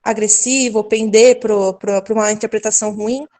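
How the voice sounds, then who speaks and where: A woman's voice: mid-range voice, fairly even intonation, normal speed, darkish tone. A young woman moderating an online student talk, asking a question hesitantly and searching for words.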